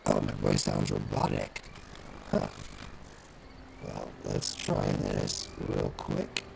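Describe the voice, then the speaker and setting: A man's voice: rumbling low, completely flat delivery, slow pace, creaky. A man streaming a game, chatting casually and thinking aloud with fillers, his voice coming through with a glitchy robotic metallic distortion. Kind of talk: casual live gameplay commentary. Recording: noisy, distorted stream audio.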